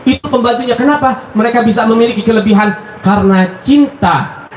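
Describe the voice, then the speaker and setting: A high-pitched man delivers an animated storytelling sermon, calling out to his listeners as brothers. His voice rings through an echoey hall, captured on a dull, muffled recording with a faint hiss behind it. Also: brisk. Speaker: preacher.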